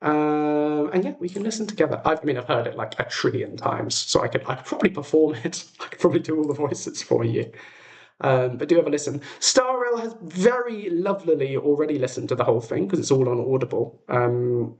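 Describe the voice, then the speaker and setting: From an echoey, untreated room at home with a makeshift streaming rig, this livestream host talks briskly and animatedly in a fairly high voice. He makes audio dramas, and his casual chat is rambling and self-deprecating.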